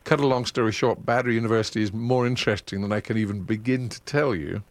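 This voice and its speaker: A man's voice: on the low side, fairly even intonation, quick pace, no room sound. A man hosting a casual radio chat, talking in a chatty, digressive way and laughing at his own asides. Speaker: radio host.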